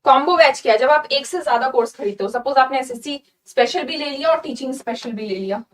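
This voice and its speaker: A woman teaching an online vocabulary lesson, who repeats key words slowly and keeps checking with "clear?". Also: high-pitched, distant mic, low-quality recording. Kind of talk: online exam-prep lesson.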